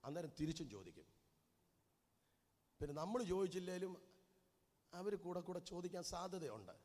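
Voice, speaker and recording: A male pastor with a Keralite Malayalam accent, preaching a sermon. He swings from soft murmurs to loud, fervent preaching and repeats phrases with rising intensity. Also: sits high, sing-song, normal speed. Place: church hall. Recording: reverberant church hall.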